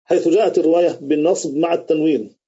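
A man's voice: a little high, racing, mellow, breathy edge, lo-fi sound. A man teaching an Arabic grammar lesson on a video call, quizzing his students and restating each rule. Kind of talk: live online grammar lesson.

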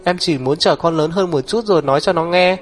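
A man voicing a sulky, tearful young woman who shouts back in shrill, defiant outbursts, in an audiobook. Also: a little fast, in a large hall, soft background music, natural voice. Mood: tearful, indignant. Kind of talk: audiobook character voice.

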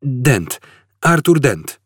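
A man acts out a flustered young man in an audiobook. He stammers and sounds indignant, in a raised, husky voice. The room is dry. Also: mid-range voice, very animated, very slow, a bit bright, no echo, pitched above the performer's own voice, full character voice.

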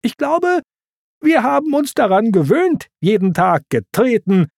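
A narrator voicing Timon, an excitable male meerkat, in a high, eager storybook voice. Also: a little slow, vocal fry, no echo, clean studio sound. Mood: teasing. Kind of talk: storybook reading.

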